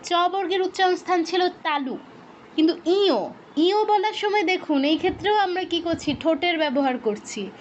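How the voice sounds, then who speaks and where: A woman teaching Sanskrit pronunciation in an online lesson, patiently asking questions, answering them herself and repeating sound drills slowly. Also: very high voice, expressive, highs cut off, a little hiss or hum.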